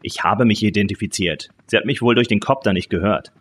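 A man's voice: fairly low pitch, a little fast, slight background noise, lightly acted. A man voicing an aggressive male police detective who barks commands, with music behind. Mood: stern. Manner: barking commands.

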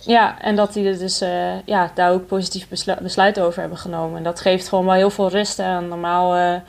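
Flat, hesitant young woman. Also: lowish voice, a little fast. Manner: hesitant, many fillers, flat delivery. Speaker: triathlete guest. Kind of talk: casual podcast interview.

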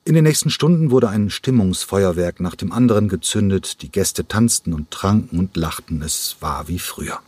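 A man reading an audiobook in a measured storytelling manner. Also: sits low, animated, a little mellow, breathy edge, no echo. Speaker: audiobook narrator. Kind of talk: scripted narration.

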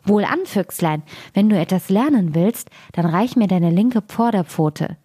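A woman reading a fairy tale, voicing a cunning male fiddler who gives brisk orders. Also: mid-range voice, expressive, dark tone, husky. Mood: commanding.

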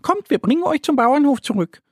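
Man putting on a little girl duck, high squeaky voice, quick caring tone, children's story, dry sound. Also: very animated, no room sound.

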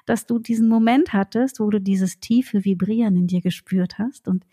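A woman voice coach explaining calmly and reflectively in a podcast conversation, laughing now and then. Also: medium pitch, normal speed, breathy edge.

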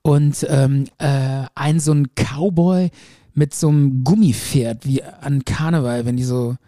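A man casually chatting and retelling a long dream, lively and acting out what people in it said. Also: medium pitch, a little slow, dry recording, clean studio sound. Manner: lively storyteller who acts out quoted speech.

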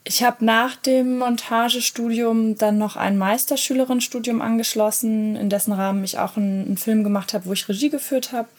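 A woman's voice: on the high side, fairly even intonation, brisk, hardly any pauses. A woman from Berlin, a film editor, answering interview questions thoughtfully with many fillers.

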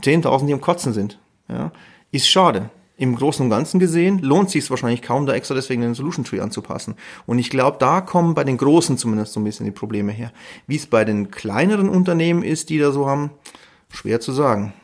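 A man co-hosting a casual podcast, explaining his view calmly and working through examples. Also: medium pitch, a little fast. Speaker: podcast co-host. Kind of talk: casual chat.

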